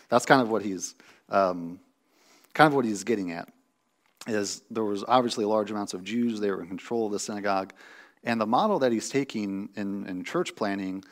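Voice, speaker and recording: Standing at a church sanctuary's pulpit, a man in his thirties preaches in a low-leaning voice. As a pastor, he teaches in a loose, conversational way, full of fillers and false starts.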